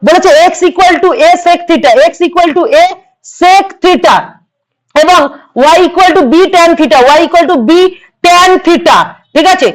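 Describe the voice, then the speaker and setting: A hoarse woman with a West Bengal Bengali accent, a math tutor giving an exam-prep lesson who repeats each step and coaxes students along. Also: extremely high pitch, steady tone, very slow, low-quality recording. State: hoarse from a cold.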